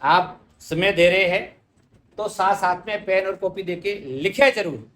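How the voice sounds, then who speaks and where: Male teacher, high voice, patient explainer, recorded from a distance in an echoey room. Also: fairly even intonation, a little slow, a bit bright. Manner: explanatory, addresses students directly. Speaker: Hindi teacher. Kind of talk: exam-prep spelling lesson.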